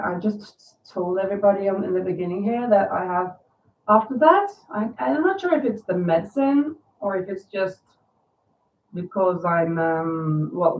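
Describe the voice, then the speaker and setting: A crochet livestream host in her fifties chats casually from home, rambling and reading viewer comments aloud in a mid-range voice made a little nasal and raspy by a lingering cold. She sits well back from the mic, so the sound is thin, phone-like and echoey in the room.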